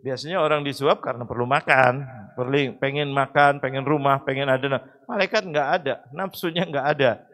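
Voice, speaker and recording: A man preaching a sermon in a mosque. He asks his own rhetorical questions, chants Arabic verses and prayers, and rises to loud emphatic cries. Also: mid-range voice, fairly quick. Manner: rhetorical questions answered himself.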